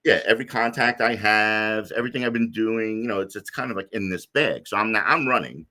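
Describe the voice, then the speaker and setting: A middle-aged man with a very deep, low voice and a bright, forceful edge. He tells his story in a loose, rambling way, full of fillers and restarts, as a guest in an interview. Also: a little fast.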